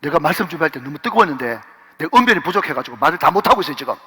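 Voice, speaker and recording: A male pastor preaching a sermon with impassioned delivery, swinging between hushed and loud, exclaiming. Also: on the high side, expressive, racing, breathy edge. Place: church sanctuary. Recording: reverberant church hall.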